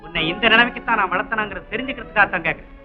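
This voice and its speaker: A man's voice: high voice, racing, close to an everyday voice. An actor playing a stern middle-aged policeman father in a 1960s film melodrama, severe and commanding, on a dull old soundtrack with faint music. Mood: stern, angry. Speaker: police constable.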